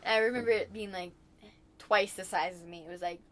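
A young woman talks easily about her life in a casual interview. Her voice sits at a middle pitch, and she talks in a chatty, rambling way with plenty of filler words. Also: a little fast, a bit bright, a little hiss or hum. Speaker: interviewee, kayaker.

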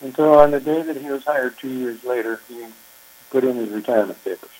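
An older man, a former park chief ranger, telling his story in an interview, unhurried and reflective with frequent pauses. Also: mid-range voice, steady tone, darkish tone, poor audio. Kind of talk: oral history interview.

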